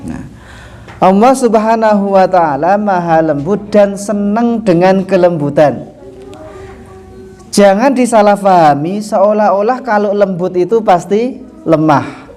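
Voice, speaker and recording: A man teaching a religious lesson in a relaxed, conversational way, with rhetorical questions, frequent chuckles and slowly recited Arabic lines. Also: high voice. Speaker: Islamic teacher. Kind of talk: sermon.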